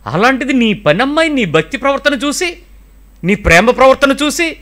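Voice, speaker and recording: A middle-aged male pastor preaching a sermon, animated and full of rhetorical questions, now and then slipping in English phrases. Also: very high-pitched.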